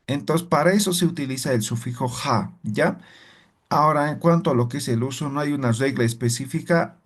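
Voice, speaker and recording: A man teaching a language class, explaining step by step and checking in with frequent tag questions. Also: mid-range voice. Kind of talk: classroom lesson.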